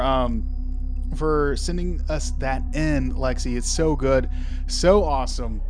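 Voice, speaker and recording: A man hosting a podcast solo in casual talk, halting but enthusiastic. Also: mid-range voice, darkish tone. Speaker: podcast host.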